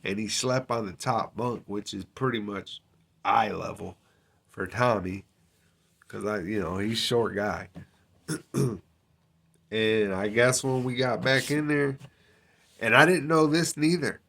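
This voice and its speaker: A man's voice: lowish voice, fairly even intonation, vocal fry, fairly bright tone. Casual man telling a prison story. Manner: street slang, frequent fillers and profanity, unhurried. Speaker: storyteller recounting his time in prison.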